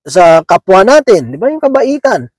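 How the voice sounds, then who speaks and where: A man's voice: high voice, big pitch swings, moderate pace, husky, no room sound, poor audio. A man preaching a sermon in a conversational way, checking in with his listeners after nearly every phrase.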